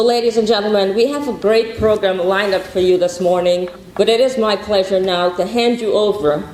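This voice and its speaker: A woman's voice: medium pitch, darkish tone, slight background noise. A woman from Guyana giving rousing, repetitive rallying opening remarks as a conference founder. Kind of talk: conference speech. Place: conference hall. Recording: echoey conference hall.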